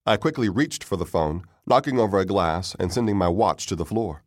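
A man giving calm first-person audiobook narration. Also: sits low, a little fast, no room sound, studio quality.

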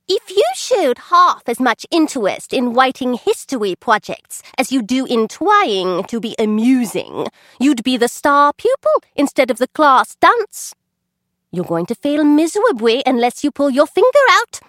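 A woman's voice: sits high, very animated, a little slow, fairly bright tone, no echo, studio quality, pitched above the performer's own voice, heavily acted. A woman voicing a strict schoolteacher with a weedy little voice who can't pronounce her R's, snapping and scolding at her class. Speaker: teacher character in an audiobook. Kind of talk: audiobook character reading.

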